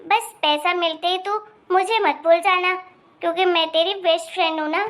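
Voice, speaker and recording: A woman voicing a confident, loyal rich young girl in an animated cartoon, talking in an insistent, bossy way. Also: extremely high pitch, normal speed. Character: bold, loyal rich young girl who defends her friend.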